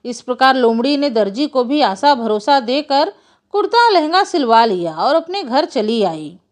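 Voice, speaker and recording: Lively high-voiced woman telling folk tales. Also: unhurried. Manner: lively storytelling, voices every character. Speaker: storyteller. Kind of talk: folk tale narration.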